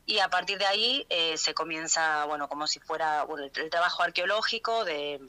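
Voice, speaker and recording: A woman's voice: deep voice, fairly quick, pushed and bright. A Madrid-born woman anthropologist with a Rioplatense accent, answering interview questions hesitantly with many restarts. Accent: Rioplatense Spanish. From Spain. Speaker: anthropologist guest. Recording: radio interview over phone line.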